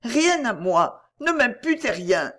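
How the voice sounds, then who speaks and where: A woman's voice: on the high side, big pitch swings, takes it slowly, a bit bright, exaggerated voice. A woman playing a tearful young daughter. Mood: tearful pleading. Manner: pleading, tearful. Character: emotional tender young daughter.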